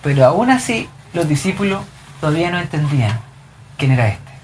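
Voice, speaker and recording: A woman's voice: sits low, big pitch swings, brisk, darkish tone, a little hiss or hum. A woman leading a group Bible study, explaining scripture and asking the group questions. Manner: asks the group questions, reads verses aloud.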